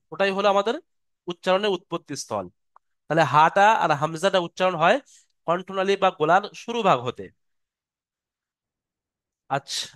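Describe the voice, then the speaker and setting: A man teaching an online Quran recitation class over a video call. He is patient and sounds out each letter slowly and repeatedly. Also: sits high, fairly bright tone, dry recording, studio quality. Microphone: computer mic on a video call.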